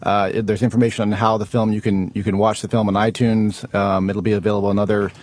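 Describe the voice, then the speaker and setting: A man's voice: lowish voice, level tone, fast talker, darkish tone, no echo. A man, a documentary director, guesting on a radio show and explaining things earnestly. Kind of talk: radio interview.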